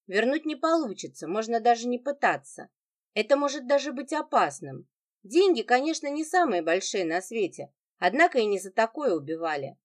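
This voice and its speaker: Expressive woman narrating an audiobook. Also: on the high side.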